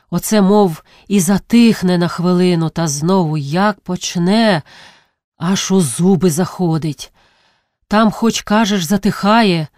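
A woman voicing a gentle young village man. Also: medium pitch, no room sound, clean studio sound, natural voice. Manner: tender and pleading, flaring into curses.

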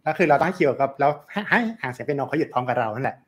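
A man coaching a saxophone student in an online lesson, relaxed and patient, with many fillers. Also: medium pitch, racing. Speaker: saxophone teacher. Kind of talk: online music masterclass coaching.

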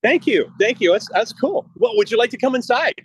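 Very high-voiced, animated and fairly quick, with a breathy edge, a man in his fifties chats casually as a podcast host. He's talkative and relaxed, speaking into a phone held at arm's length on a video call as he walks outside and into a studio building.

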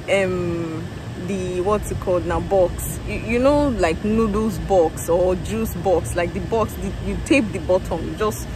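Brief: young woman, worn out after work, lively storytelling vlog, phone mic outdoors with clear street noise. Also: medium pitch. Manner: tired, animated storytelling with laughs and exclamations. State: tired. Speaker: vlogger. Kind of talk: casual vlog chat. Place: outdoors in a parking lot beside a factory building. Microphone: phone at arm's length.

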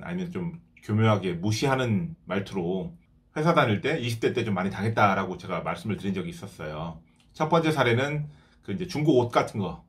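Lively fast-talking Korean man giving advice. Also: on the low side. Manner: animated, acts out quoted lines. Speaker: host. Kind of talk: advice talk to viewers.

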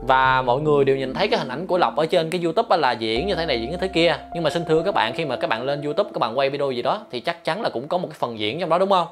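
A man's voice: a little high, expressive, rapid-fire, hardly any pauses, faint music behind. A man hosting a commentary vlog, speaking to viewers directly, with many hesitation fillers and referring to himself by name in the third person. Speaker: lawyer and channel host.

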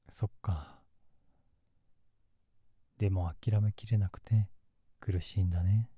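A man playing a gentle, melancholy young man in love, in a soft, intimate ASMR role-play close to the mic. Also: on the low side, breathy edge, no echo, muffled recording. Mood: wistful. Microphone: close ASMR microphone in a dry space.

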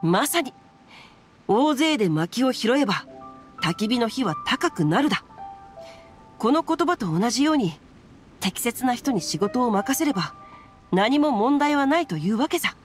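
口のうまい若い貴族の剣士、軽やかで気取らない話しぶり。やや高めの声で抑揚が豊か、背後に薄く音楽が流れるゲームの台詞。. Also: female voice, on the high side, sing-song, a little slow, long pauses, faint music behind. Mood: breezy. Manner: glib, breezy, proverb-quoting. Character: witty young nobleman swordsman, smooth talker. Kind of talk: video game dialogue.

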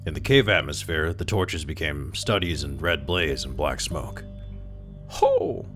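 Low-voiced man reading a story. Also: normal speed, a bit bright, faint music behind. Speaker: story reader. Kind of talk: storybook narration.

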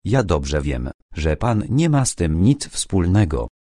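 For an audiobook, a man performs a full character voice of a calm, ironic retired detective in his later years, speaking low, measured and quietly commanding. The recording is studio quality with no echo.

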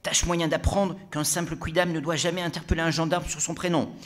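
A man's voice: on the high side, flat delivery, fairly quick, a bit bright, voice pushed up, lightly acted. A man reading aloud and playing a pompous, self-important gendarme brigadier who talks in stilted officialese.

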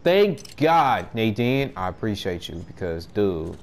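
A man giving casual commentary over a video game, cursing and reacting excitedly, talking into a headset. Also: fairly low pitch, takes it slowly, slight background noise. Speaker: gamer.

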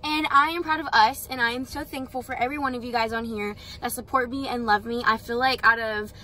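A woman's voice: on the high side, fairly even intonation, a little fast, sharp tone, a little hiss or hum. A woman of about eighteen, chatting casually and sentimentally to her viewers from inside a parked car, filmed on a phone. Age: late teens. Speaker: vlogger. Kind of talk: casual vlog chat. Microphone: phone camera held on the dashboard.

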